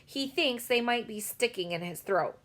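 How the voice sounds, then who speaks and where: A woman voicing a big, kindly male giant who talks in slow, muddled grammar. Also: on the high side, expressive, a bit bright, voice pushed up. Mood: earnest, rueful. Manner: mangled grammar, slow and emphatic.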